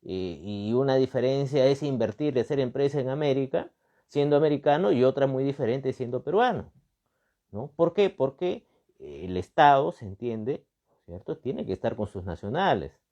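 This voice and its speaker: A Peruvian man, a political and constitutional commentator, speaks with a Peruvian accent in a mid-range, mellow voice at normal speed with lively intonation. He offers off-the-cuff analysis, emphatically repeating phrases and asking rhetorical questions full of tag words. The recording sounds lo-fi.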